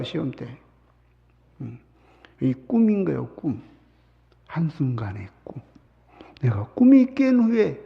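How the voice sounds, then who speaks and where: Pastor preaching in a sanctuary with a long reverb; dramatic, whispers to shouts, raspy edge. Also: male voice, fairly high pitch. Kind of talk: sermon. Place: church sanctuary. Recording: muffled sound with long hall reverb.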